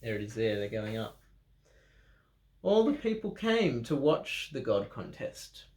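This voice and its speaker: An Australian storyteller reads a picture book to children at a church, breaking off for playful chatter. He has a darkish, mid-range voice with big pitch swings and an unhurried pace. The church room adds a roomy echo.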